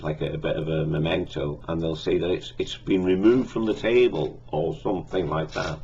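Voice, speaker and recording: A man giving a casual spoken film review, halting with many fillers and self-corrections. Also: very deep voice, vocal fry, darkish tone, slightly rough, muffled recording.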